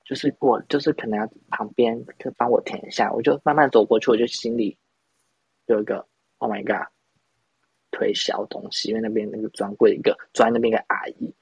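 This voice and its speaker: A man's voice: mid-range voice, steady tone, brisk, vocal fry, darkish tone, breathy edge, no echo, lo-fi sound. A young man from Taiwan, telling a rambling, self-mocking story in a casual podcast chat. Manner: rambling, self-mocking, many restarts and laughs. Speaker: podcast host.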